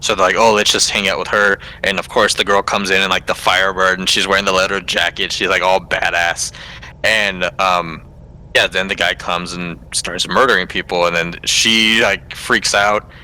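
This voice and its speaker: A man's voice: deep voice, little pitch movement, normal speed, sharp tone, clean tone, poor audio. A man co-hosting a casual podcast, retelling a movie plot in a rambling, filler-heavy way. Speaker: podcast co-host. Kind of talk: casual movie recap chat.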